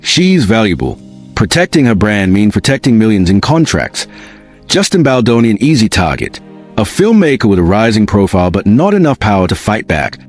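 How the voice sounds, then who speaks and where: A man narrates a scripted commentary in a fairly low voice. His pitch rises and falls through clipped, suspense-building phrases aimed straight at the viewer. Soft music sits quietly beneath him. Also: very animated, normal speed.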